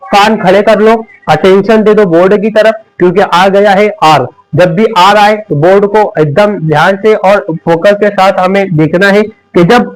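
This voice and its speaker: A man teaching an English reading lesson at a board, repeating questions and answering them himself, slowing down to spell out letters. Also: high voice, rough recording. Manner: repetitive call-and-response questioning; emphatic, slows down to spell out letters.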